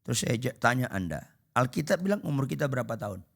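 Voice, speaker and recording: A man preaching to a congregation, animated and humorous, acting out conversations and swinging between shouts and half voice. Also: mid-range voice, fast talker, vocal fry. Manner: animated, acts out dialogues, shouts and drops to half voice. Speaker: pastor. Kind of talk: humorous sermon. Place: church hall before a congregation.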